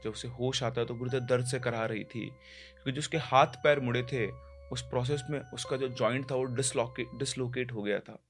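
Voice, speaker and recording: A man's voice: medium pitch, fairly even intonation, normal speed, faint music behind. A man narrating a horror story in a conversational, explaining way, with small restarts.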